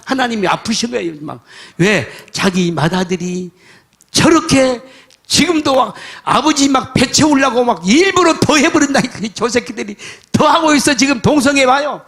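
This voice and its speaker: An older man, a pastor, preaching a sermon in a folksy storytelling way, dropping to soft mutters and rising to shouts. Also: extremely high pitch, animated, normal speed, creaky.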